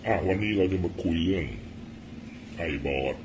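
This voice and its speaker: A blunt, rough-spoken middle-aged man tells stories and rants about politics in a casual monologue. His voice sits low, and a faint hiss of background noise runs under the recording. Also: normal speed. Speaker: political commentator.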